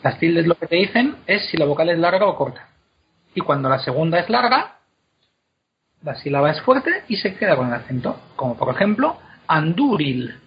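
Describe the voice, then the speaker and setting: A man talks like a lively teacher, stretching words out slowly to show how they sound. His voice is a little husky and sits slightly high. The recording is dull and lo-fi. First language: Spanish. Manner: animated teacher, repeats words slowly to demonstrate. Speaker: guest explaining Elvish pronunciation. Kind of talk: casual explanatory chat.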